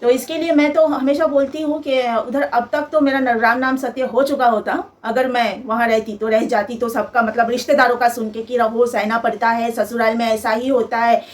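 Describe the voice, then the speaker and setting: A woman's voice: on the high side, steady tone, normal speed, few pauses. A young woman vlogger telling a personal story in an emphatic, aggrieved way, piling up lists of complaints.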